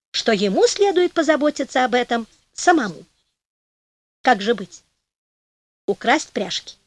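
A woman reading a folk tale aloud as an audiobook narrator, telling it in a lively way and acting out the characters. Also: on the high side, no room sound.

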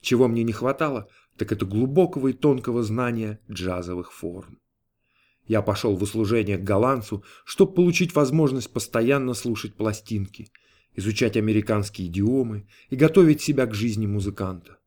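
A man with a lowish voice reads a scripted story aloud as an audiobook narrator, keeping a measured, even storytelling manner.

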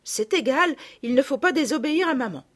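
Woman doing a gentle little girl. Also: high-pitched, animated, a little fast, voice pushed up. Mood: cautious. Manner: soft, tender childlike voice.

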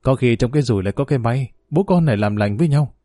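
A man voicing a stern old father who scolds his wife in a gruff, rising voice, with a mellow tone. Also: mid-range voice, animated, fast talker, dry recording, studio quality, lightly acted. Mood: wry.

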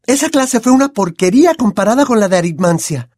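A man's voice: sits high, lively intonation, a little fast, a little mellow, no room sound, studio quality, pitched above the performer's own voice. A man voicing a bossy, prim know-it-all teenage girl with a Latin American Spanish accent, speaking in a precise, self-assured way. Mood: superior, calm.

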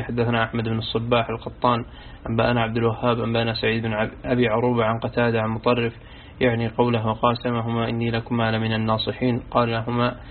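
A man reads a classical Quran commentary as an audiobook, reciting long chains of narrators at a quick clip. His delivery barely rises or falls, staying almost perfectly level. The recording is thin and phone-like, with a faint hiss underneath. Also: mid-range voice. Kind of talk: audiobook reading of a religious text. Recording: tinny narrow-band recording with faint hiss.

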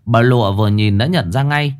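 A man's voice: mid-range voice, a little fast, darkish tone, clear, resonant tone. A man narrating a ghost story with dramatic, scripted delivery.

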